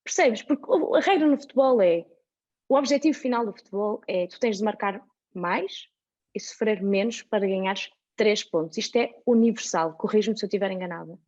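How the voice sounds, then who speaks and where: A woman's voice: medium pitch, fairly quick, a little mellow, dull audio. A woman with a European Portuguese accent, a guest in a casual chat, talking animatedly with lots of examples. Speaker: podcast guest.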